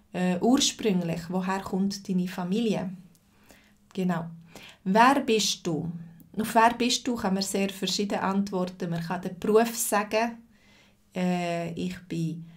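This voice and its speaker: A Swiss woman in her forties speaks with a Swiss German accent as she runs a live-streamed language lesson. She talks slowly and deliberately at a mid-range pitch. She pauses to answer viewers' comments by name with unhurried patience. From Switzerland. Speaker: language teacher.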